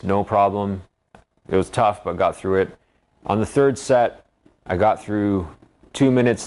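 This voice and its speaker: Guy with a pretty deep voice doing a training vlog, explaining stuff as he goes. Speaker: vlogger documenting 10k race training.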